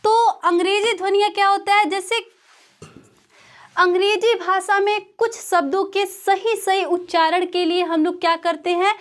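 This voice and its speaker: A woman with a very high voice teaches a grammar class. She walks through each point patiently and keeps posing questions that she then answers herself. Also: fairly even intonation, moderate pace. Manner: explains step by step, asks and answers her own questions. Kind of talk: Hindi grammar lesson.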